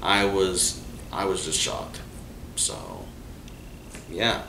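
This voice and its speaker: A man's voice: low-pitched, drawn-out words, creaky. A man hosting, telling his own stories in a casual, rambling way with many fillers and restarts. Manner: rambling, full of fillers and restarts, animated when quoting people. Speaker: host. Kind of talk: casual storytelling monologue. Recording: echoey room from far off, faint noise.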